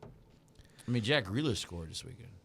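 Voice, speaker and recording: A man's voice: fairly low pitch, a little slow, gravelly, slight background noise. A man co-hosting a soccer radio show, arguing his picks in loose, slangy casual chat full of restarts. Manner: animated, slangy, talks in restarts.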